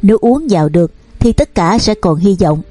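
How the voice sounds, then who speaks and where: A woman voicing a kindly older male healer who speaks gently and with compassion in a storybook reading. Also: mid-range voice, lively intonation, a little fast, no room sound, faint music behind, natural voice. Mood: gentle.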